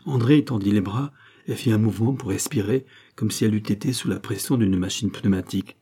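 A man narrating a classic novel in a measured, steady reading. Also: lowish voice, breathy edge. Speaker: audiobook narrator. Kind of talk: scripted literary narration.

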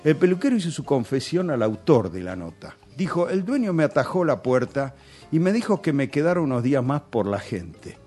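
A man's voice: fairly high pitch, sing-song, normal speed, darkish tone, breathy edge, faint music behind. A man with a Rioplatense Spanish accent telling nostalgic, chatty stories on a radio show. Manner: nostalgic, chatty storytelling with local slang.

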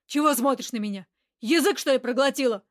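Woman voicing a loud, rough-talking man on the run. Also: sits high, expressive, brisk, no room sound, studio quality. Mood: rude. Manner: shouting, coarse street talk. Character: rough, hot-tempered hunted man, loud and defensive.

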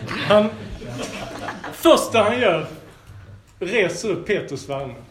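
Lively, high-voiced male Bible teacher. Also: background noise. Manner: lively, with playful asides. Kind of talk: Bible lesson with scripture reading.

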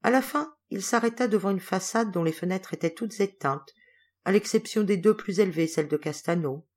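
A woman reading a classic novel aloud as an audiobook narrator, with a measured, expressive delivery. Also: medium pitch. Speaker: audiobook reader.

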